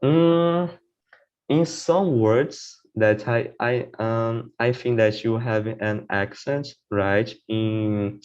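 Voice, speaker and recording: A man appears as a guest on a podcast, chatting casually in a mid-range, darkish voice captured on dull-sounding audio. His speech is halting; he restarts sentences often and keeps checking in with "right?".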